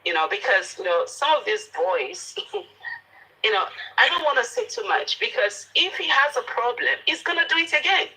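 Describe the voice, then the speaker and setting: A woman's voice: sits high, very animated, normal speed, pushed and bright, breathy edge, rough recording. A woman with a Nigerian accent speaking emphatically in an informal live discussion, repeating points for stress. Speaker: guest panelist on a live online discussion.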